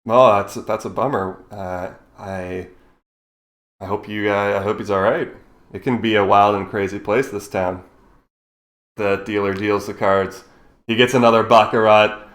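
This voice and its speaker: A man running a tabletop game as game master, narrating and voicing characters with animated shouts. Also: fairly low pitch, a little slow.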